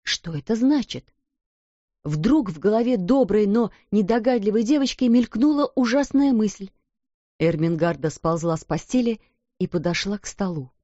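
A woman's voice: mid-range voice, moderate pace, mellow, no echo. Woman reading a storybook, dull audio. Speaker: audiobook reader. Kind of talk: scripted storybook narration.

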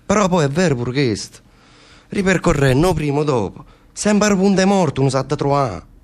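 In a radio theatre play, a stage actor portrays a brooding, fatalistic man facing death, speaking an earthy, insistent dialect with a southern Italian accent in a musing mood. His voice is on the high side and close to everyday speech, with lively intonation at normal speed.

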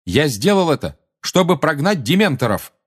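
A man voicing a defiant teenage boy on trial who speaks in a loud, insistent way in an audiobook. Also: mid-range voice, very animated, a little fast, husky, voice pushed up.

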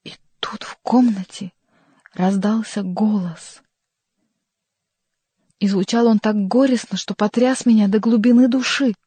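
A woman voicing a frightened male king who speaks in a hushed, fearful manner, reading a storybook. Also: on the high side, fairly even intonation, a little fast, few pauses, husky, no echo, pitched above the performer's own voice.

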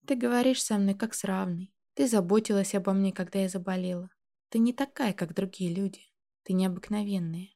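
A woman reading the lines of a shy, tender teenage girl who speaks softly and timidly. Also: mid-range voice, brisk, lightly acted. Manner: soft, timid, breathless.

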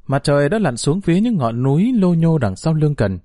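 A man reading a story aloud as narrator, in an expressive storytelling manner. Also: fairly high pitch, fairly quick, no echo, clean studio sound.

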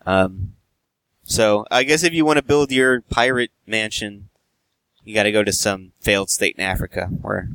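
Low, gravelly man, wry and blunt. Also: a bit bright, dry recording. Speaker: podcast co-host. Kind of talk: casual chat.

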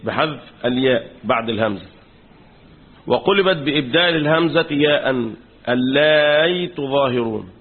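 Husky Egyptian sheikh quizzing his class. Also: mid-range voice, animated, moderate pace. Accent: Egyptian Arabic. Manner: quizzes the class with fill-in questions. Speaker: sheikh teaching Quran commentary. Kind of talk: classroom lecture. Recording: tinny phone-like recording.

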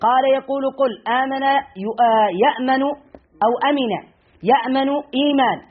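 High-voiced sheikh teaching grammar on a tinny recording. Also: male voice, steady tone. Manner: questions students and repeats key phrases slowly. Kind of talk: classroom grammar lesson.

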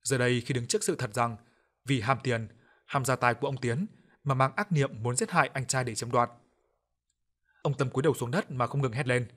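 A man narrating an audio story in a steady, measured reading style. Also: medium pitch.

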